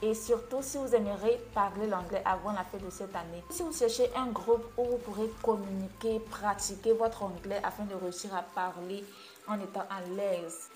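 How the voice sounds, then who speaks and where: A woman's voice: medium pitch, steady tone, moderate pace. A woman, teaching names as an English coach in a video lesson, with a playful, teasing manner. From Côte d'Ivoire.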